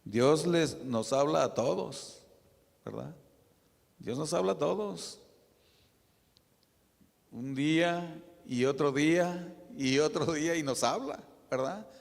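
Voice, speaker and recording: A man preaching a sermon as pastor, in a conversational style with frequent tag questions and soft asides. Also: on the high side, slow pace, creaky, pauses often. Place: church sanctuary. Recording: reverberant church hall.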